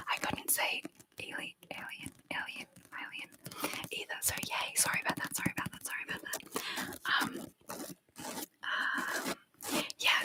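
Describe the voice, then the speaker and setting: A woman hosting a casual ASMR live chat in a breathy, mostly unvoiced whisper, softly repeating words and short phrases. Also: low-quality recording. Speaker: ASMR live stream host.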